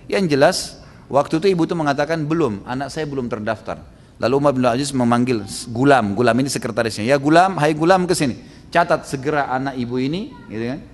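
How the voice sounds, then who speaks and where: A man with an Indonesian accent preaching a sermon, telling a story with lively acted-out dialogue and frequent tag questions. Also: medium pitch, in a large hall. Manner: lively storyteller, acts out dialogue, frequent "gitu kan" tags. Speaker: Islamic preacher.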